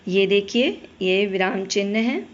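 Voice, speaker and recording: A woman with a mid-range, animated voice explains a primary school Hindi lesson in an unhurried way, patiently speaking to the children. She asks questions and answers them herself. The highs are cut off, and there is slight background noise.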